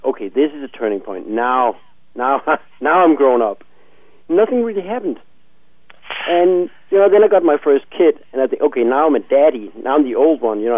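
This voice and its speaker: Co-host, man, 40s, halting and self-repeating, thin phone-like sound, dry. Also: medium pitch, dry recording. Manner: hesitant, repeats words, laughs often. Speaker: podcast co-host. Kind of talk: casual chat. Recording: tinny phone-like line.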